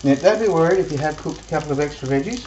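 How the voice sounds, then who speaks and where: Woman cooking vlogger, low voice, chatty and homely; echoey home kitchen, loud frying behind. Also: lively intonation, rapid-fire, muffled recording, a little hiss or hum. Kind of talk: casual cooking demonstration. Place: home kitchen with sizzling pan.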